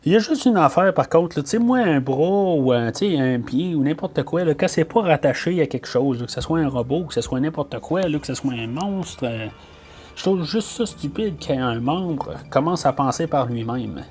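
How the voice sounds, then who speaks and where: A man's voice: a little high, animated, normal speed, darkish tone, a little hiss or hum. A man with a Québécois French accent hosting a podcast, reviewing a film in casual talk, full of fillers and restarts. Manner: hesitant, many fillers and restarts. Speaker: podcast host.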